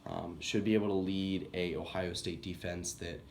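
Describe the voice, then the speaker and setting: Young man, sick, deep voice, flat delivery, faint hiss behind. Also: normal speed, gravelly. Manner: rambling, self-correcting. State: sick, coughing. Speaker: sports YouTuber. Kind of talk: casual college football preview.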